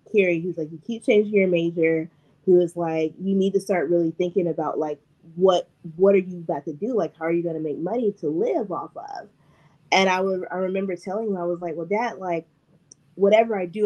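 A woman's voice: lowish voice, darkish tone. A woman hosting a podcast, telling stories in casual chat, leaning heavily on "like" and "I was like". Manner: chatty storyteller, heavy use of "like" and "I was like". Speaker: podcast host.

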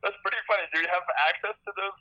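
A man's voice: high voice, fairly even intonation, rapid-fire, bright, forceful tone, no room sound. A man talking on speakerphone from a dinner out, easygoing and a little cocky in casual chat. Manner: easygoing, laid-back, a bit cocky. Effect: heard over a phone on speakerphone. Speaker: friend phoned on the show. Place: out at a restaurant dinner. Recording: muffled phone line on speaker.

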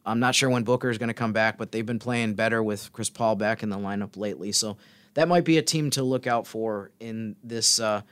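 A man co-hosting a casual sports podcast, talking in a thoughtful, measured way. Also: fairly low pitch, fairly bright tone, clean tone. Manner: thoughtful, measured, fills pauses with "I mean" and "so". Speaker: podcast co-host.

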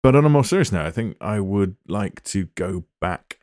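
A man's voice: deep voice, lively intonation, moderate pace, darkish tone, dry recording, studio quality. A man in his thirties with an Essex accent, chatting casually and jokily as a podcast co-host. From Essex, England. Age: 30s. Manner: jokey, chatty. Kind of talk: casual chat.

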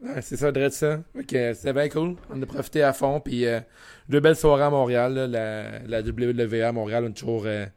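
A man with a Quebec French accent and a hoarse, gravelly voice, chatting casually as a podcast co-host. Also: mid-range voice, steady tone, fairly quick, darkish tone. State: hoarse voice after two wrestling shows. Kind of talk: casual chat.

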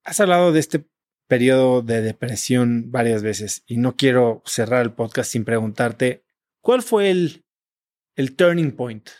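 A man's voice: mid-range voice, lively intonation, measured pace, darkish tone, no echo. A man hosting a podcast and asking questions in a casual way, mixing in English words. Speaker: podcast host. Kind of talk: interview questions.

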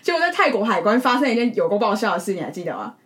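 A woman's voice: medium pitch, racing, background noise. A young woman, chatting on a podcast and telling a funny story with many restarts. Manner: animated, giggly, many restarts and fillers. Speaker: podcast co-host. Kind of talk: casual storytelling chat.

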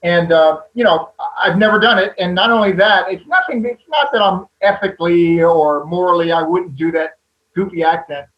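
Male actor, high-pitched, candid rambling panel talk, lo-fi sound. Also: moderate pace. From American South. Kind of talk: panel discussion.

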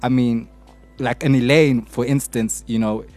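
A man's voice: mid-range voice, steady tone, unhurried, a little mellow, soft background music. A man with a South African accent discussing casually as a podcast panelist, often checking in with small tag phrases. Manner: often tags phrases with "you know".

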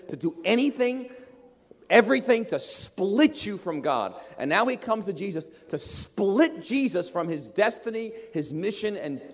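A man preaching a sermon as pastor, animated and building to loud emphasis. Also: a little high. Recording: echoey hall with long reverb.

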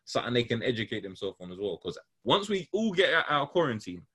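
A man's voice: mid-range voice, sing-song, fast, pushed and bright, husky. A man with a London street accent hosting a podcast in casual, slangy roadman talk. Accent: London, urban street style. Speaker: podcast host. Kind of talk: casual chat.

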